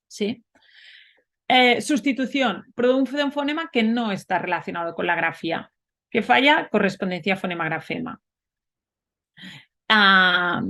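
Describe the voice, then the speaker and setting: A woman giving a webinar lecture, explaining step by step and often asking rhetorical questions. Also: medium pitch. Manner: explanatory, frequent rhetorical questions and "¿vale?" checks. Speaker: teacher.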